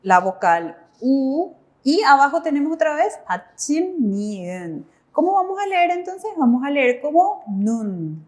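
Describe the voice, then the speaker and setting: High-voiced woman teacher explaining patiently. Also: very animated, unhurried, hardly any pauses, a little mellow. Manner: patient, explains by asking and answering her own questions. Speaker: Korean language teacher. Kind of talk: step-by-step classroom explanation.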